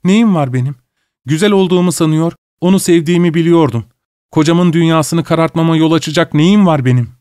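A man's voice: fairly high pitch, a little fast, a little mellow, smooth, dry recording, studio quality, pitched above the performer's own voice, lightly acted. A man reading a story aloud, voicing a resolute, loving young Hawaiian wife in a raised, earnest pleading tone. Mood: sorrowful. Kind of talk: audiobook character voice.

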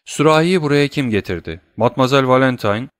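A man voicing a middle-aged male doctor who questions urgently and speaks gravely. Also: mid-range voice, animated, quick pace, dry recording, clean studio sound, voice pushed up, natural voice.

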